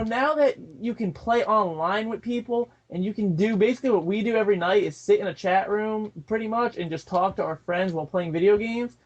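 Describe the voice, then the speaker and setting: A man's voice: sits high, lo-fi sound. A man co-hosting a gaming podcast, talking loosely and rambling with many fillers. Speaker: podcast co-host. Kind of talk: casual chat.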